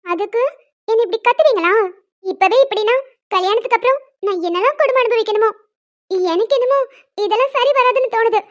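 A woman voicing a young woman in an animated cartoon, a fretful bride-to-be who sulks and picks mock quarrels with her fiancé. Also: very high voice, fairly quick, pauses often, lo-fi sound. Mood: sulky.

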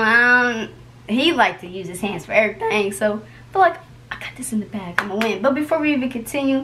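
A woman's voice: fairly high pitch, background noise. A young woman hosting a casual vlog at home, talking to camera in playful, slangy, chatty patter. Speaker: YouTube vlogger host. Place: indoors at home.

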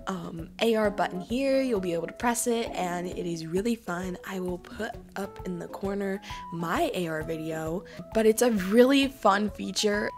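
A young woman talking casually over her gameplay, chatty and upbeat, her voice sick and hoarse. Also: medium pitch. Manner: chatty, upbeat, rambling with fillers. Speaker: game video creator.

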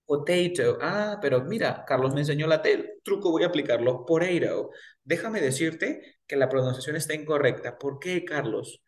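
A man's voice: fairly high pitch, lively intonation. Patient male pronunciation teacher. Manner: patient, repeats words slowly and drills them. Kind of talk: one-on-one pronunciation lesson.

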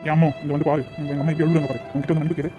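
A woman's voice: low voice, flat delivery, racing, music in the background, pitched below the performer's own voice, close to an everyday voice. A woman voicing a hot-headed young husband and father in a family cartoon. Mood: soothing. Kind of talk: Tamil family cartoon voice acting. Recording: noisy home recording.

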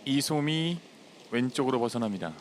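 A man working as a golf commentator, calling live tournament play in short, measured announcements. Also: mid-range voice, lively intonation, slight background noise.

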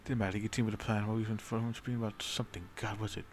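A man's voice: on the low side, little pitch movement, racing, a little hiss or hum. A man narrating a strategy game in character with brooding, dramatic storytelling, rambling along and swearing casually. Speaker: game streamer.

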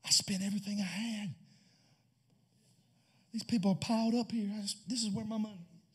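A preacher putting on a worried father of the groom in a whispered role-play, voice dropped low and breathy. He rushes his words in anxious bursts. The voice stays high for a man. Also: fairly even intonation. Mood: panicked. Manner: hushed, frantic whisper. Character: panicked father of the groom, middle-aged man.

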